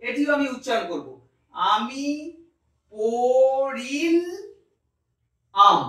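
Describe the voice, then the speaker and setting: A man with a very high voice teaches a grammar lesson step by step, slowly drawing out words to show how they sound. He stands well away from the microphone in a strongly echoing room. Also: pushed and bright. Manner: methodical, drawing out words slowly to model pronunciation. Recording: very echoey room, mic far off.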